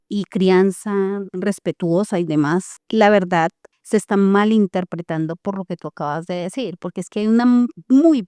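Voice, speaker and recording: A woman hosting a mental health podcast in her thirties, explaining calmly as a psychologist and sometimes acting out what parents say. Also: mid-range voice, clear, resonant tone, no echo, clean studio sound. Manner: explains calmly, acts out parent and child lines. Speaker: psychologist host. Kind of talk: podcast conversation.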